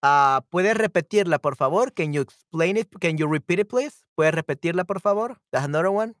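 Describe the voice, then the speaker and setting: A man with a fairly high voice and animated delivery hosts a live-stream language lesson, cheerful and quick to laugh. He repeats phrases slowly and switches between two languages, and the recording is dry with clean studio sound.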